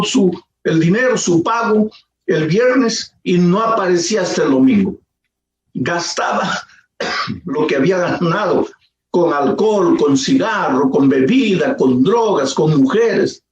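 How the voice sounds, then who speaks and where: A man pastor telling a story in a sermon, dramatic, swinging between soft slow lines and raised pleading. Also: high-pitched. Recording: roomy echo with faint ambience.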